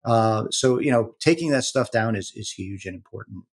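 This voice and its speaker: Man, interview guest, earnest, explanatory, halting delivery, plain conversational talk. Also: fairly low pitch, husky. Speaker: protective intelligence executive, guest.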